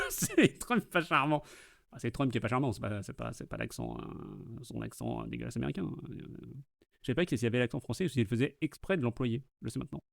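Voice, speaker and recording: A man's voice: medium pitch, very animated, fast talker, gravelly. A man with a Québécois accent hosting a watch party, chatting playfully and laughing often. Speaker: host. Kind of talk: casual watch-party commentary.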